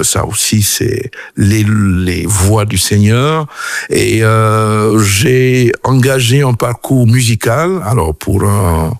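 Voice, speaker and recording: A man's voice: lowish voice, dry recording, studio quality. A middle-aged man from Cameroon, a choir director and music producer, answering radio interview questions thoughtfully, with frequent hesitations.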